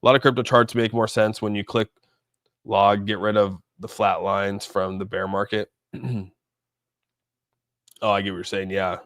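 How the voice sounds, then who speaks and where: In a flat, fairly low, slightly bright voice, a livestream host comments on crypto markets at a measured pace with long pauses, thinking aloud and answering viewers informally. The studio-quality recording has no echo.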